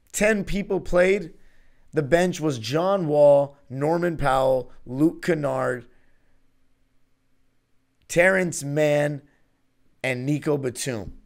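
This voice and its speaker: A man's voice: a little high, vocal fry. A young man in his twenties hosting a solo basketball podcast, breaking down a game like a fan, often correcting himself mid-sentence. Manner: rambling, self-correcting, fan enthusiasm. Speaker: podcast host. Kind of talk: solo postgame basketball analysis. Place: small room before a virtual arena backdrop. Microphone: studio mic on a stand in front of him.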